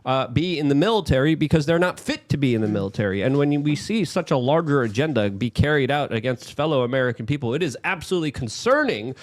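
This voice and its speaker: A man's voice: mid-range voice, animated, quick pace, few pauses, no room sound, clean studio sound. Emphatic male political show host. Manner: emphatic, repeats words while building points. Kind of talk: political livestream commentary.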